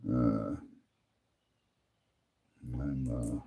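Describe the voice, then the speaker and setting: A man's voice: extremely low pitch, flat delivery, vocal fry, mellow. A man hosting a live stream, talking plainly and half to himself while he repairs a lighter. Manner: slow, plain-spoken, muttering to himself as he works. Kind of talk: casual live-stream commentary while working.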